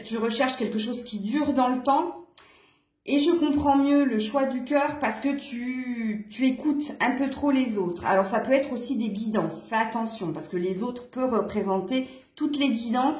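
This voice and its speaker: Chatty French woman reading cards, echoey. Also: fairly high pitch. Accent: southern French fading toward Franche-Comté. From eastern France. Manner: chatty, laughing often, scolding her cat between cards. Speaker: card reader. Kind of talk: casual tarot reading to camera.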